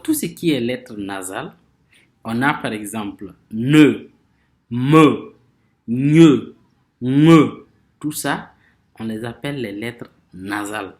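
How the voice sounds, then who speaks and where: A man teaching a grammar lesson, speaking slowly and repeating words as he searches for phrasing, stressing example words emphatically. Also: medium pitch. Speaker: language teacher.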